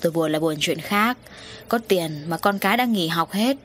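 Give me a weary stern father, grave and measured, read by a woman. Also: lowish voice, fairly bright tone, a little hiss or hum, natural voice.

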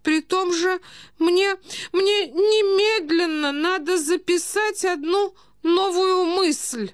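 A woman voicing a forgetful, fussy old male prince who talks in meandering, plaintive, drawn-out phrases. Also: very high voice, no echo, studio quality, voice pushed up.

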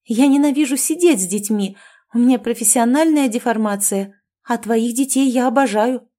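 A woman's voice: a little high, moderate pace, warm tone, pitched above the performer's own voice, natural voice. A woman voicing a nervous young woman who keeps defending herself. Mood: defensive. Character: flustered young woman Nonna, nervous meddler.

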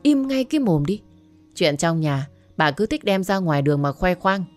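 A woman voicing a weary, stern older father who speaks in a low, measured way. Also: darkish tone, soft background music.

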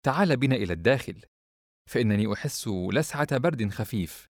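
A man's voice: medium pitch, animated, no room sound, clean studio sound, lightly acted. A man voicing a bold, mercenary young woman of the night who talks in a brash, teasing way in an audiobook reading. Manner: brash, teasing, quick-tongued.

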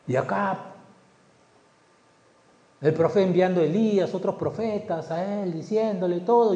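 A male pastor preaches to his congregation with a high, very lively voice, acting out the story and peppering it with rhetorical questions. His voice echoes with a long reverb in a church hall. The recording is dull and lo-fi. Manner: animated storytelling with rhetorical questions, acts out the scenes. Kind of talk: sermon.

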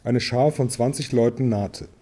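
Man, audiobook reader, measured storytelling, very dark voice. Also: mid-range voice. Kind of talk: audiobook narration.

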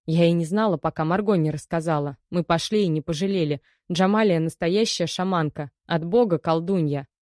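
A woman's voice: lowish voice, a little fast, hardly any pauses, a little mellow, no room sound, clean studio sound, close to an everyday voice. A woman reading the part of an eager, chatty young woman who believes in a shaman. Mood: eager chatter.

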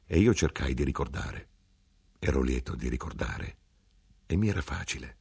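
A man giving an expressive, theatrical reading of a literary audiobook. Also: very deep voice, moderate pace, gravelly, husky. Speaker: audiobook reader.

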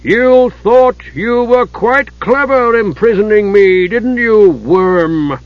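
A man voicing a huge, mocking male fire giant, the father of chaos, with a slow, booming, taunting delivery. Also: no room sound, muffled recording. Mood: menacing.

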